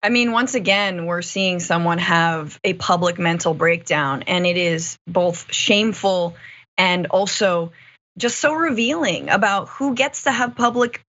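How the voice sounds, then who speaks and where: A woman's voice: lowish voice, unhurried, fairly bright tone. An American woman in her thirties giving emphatic, sardonic commentary as a guest on a video call. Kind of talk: conversational opinion commentary. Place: small home room. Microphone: desk microphone on video call. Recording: slightly dull video call.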